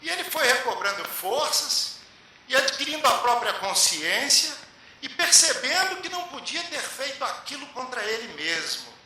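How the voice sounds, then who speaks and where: A man tells a spiritual story in a lecture, with measured, emphatic pauses. His voice is high, very bright and lively in pitch. It rings in a very echoey hall over a faint hiss. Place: lecture hall at a public meeting.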